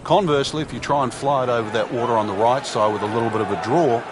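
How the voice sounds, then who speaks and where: A man's natural, mid-range voice comes through fast over background noise as he works as a golf analyst in a video game. He explains the play in an easygoing, conversational commentary style that's also analytical.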